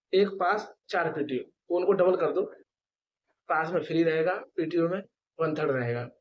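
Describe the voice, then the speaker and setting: Give me a man talking fast and blunt about a hard job, repeating his warnings. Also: fairly high pitch, dull audio. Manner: blunt, repetitive warnings, many fillers. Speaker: former station master giving career advice. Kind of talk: casual spoken advice to viewers.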